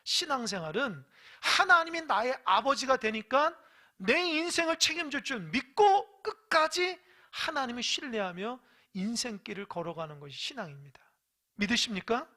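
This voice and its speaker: Bright, forceful preacher swinging from loud to hushed. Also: mid-range voice, expressive, moderate pace. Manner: emphatic, asks the congregation rhetorical questions; sharp swings between loud exhortation and quiet asides. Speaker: pastor. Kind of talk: sermon.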